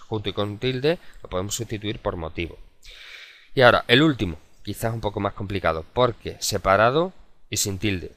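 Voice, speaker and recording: A male teacher from gives a recorded video lesson. He explains step by step and fills his pauses with "eh" and "em". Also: on the low side, a bit bright. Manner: methodical and explanatory, with frequent hesitation sounds. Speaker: adult education teacher.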